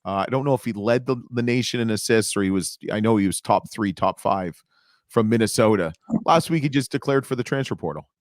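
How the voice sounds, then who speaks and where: A man co-hosting a podcast in casual conversation, talking in a lively, rambling way and correcting himself mid-sentence. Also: on the low side, brisk, no echo, clean studio sound. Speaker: podcast co-host. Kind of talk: casual sports podcast chat.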